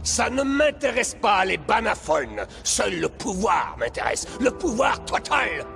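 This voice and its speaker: A man's voice: high-pitched, sing-song, unhurried, creaky, a bit bright, soft background music, heavily acted. An actor voicing a pompous, power-mad reptile king in a cartoon, imperious, theatrical and contemptuous. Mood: scornful, power-hungry. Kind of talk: cartoon dub acting.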